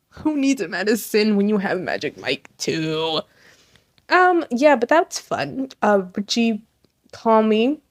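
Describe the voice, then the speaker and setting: A woman giving casual, gushing movie commentary, excitable and full of slang, laughing often. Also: on the high side, no room sound, clean studio sound. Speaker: commentary host.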